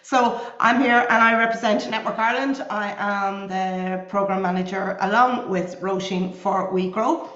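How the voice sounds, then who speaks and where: A woman speaks in a croaky voice, welcoming everyone as a programme manager on a webinar. Her audio is dull and echoey, as if from a bare room over a video call. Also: medium pitch, moderate pace, hardly any pauses, a bit bright. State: croaky voice from air conditioning. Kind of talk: online webinar presentation.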